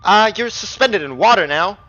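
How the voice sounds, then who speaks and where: Game master guy, bright voice, lots of ums, dull lo-fi mic sound. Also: sits high, lively intonation, normal speed, soft background music. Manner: hesitant, trailing off, lots of fillers. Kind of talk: narrating a tabletop game.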